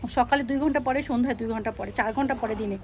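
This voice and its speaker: A young woman selling clothes on a live stream, pitching each dress with pushy repetition and English words mixed in. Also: racing. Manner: repeats phrases, pushy upbeat selling, mixes English words. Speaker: online clothing seller.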